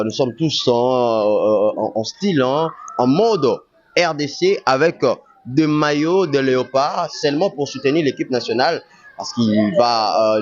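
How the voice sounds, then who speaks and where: A man from the Democratic Republic of the Congo hosts a street vox-pop, prompting with plenty of hesitant fillers. His voice sits at a middle pitch and is captured dry. The sound is dull and lo-fi. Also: dry recording. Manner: many fillers, lively prompting. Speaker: street interviewer.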